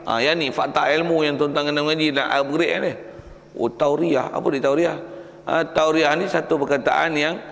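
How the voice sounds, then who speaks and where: A man with a Malaysian Malay accent giving a religious lecture, telling stories with animated acted-out dialogue and repeating points for emphasis. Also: on the high side, moderate pace, vocal fry. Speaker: Islamic preacher. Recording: echoey hall reverb.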